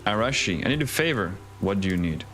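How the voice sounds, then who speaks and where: Low-voiced man streaming a game. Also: a little fast, soft background music. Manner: casual, playful, reads game lines aloud with sudden excited jumps. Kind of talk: gaming livestream, reading dialogue aloud.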